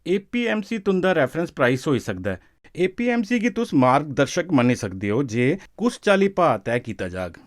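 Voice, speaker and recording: For an educational film, an expert with a Dogri accent explains a farm law to farmers in a conversational, teaching manner, frequently asking short questions to make sure he's understood. His voice is a little high and sing-song, at a moderate pace.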